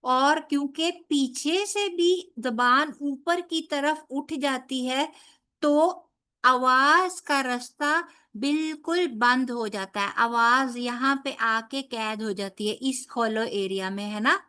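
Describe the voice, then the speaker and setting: A woman's voice: high-pitched, pushed and bright, clear, resonant tone. A woman teaching tajweed, patiently modelling letter sounds and checking that students follow. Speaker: Quran recitation teacher. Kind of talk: tajweed lesson.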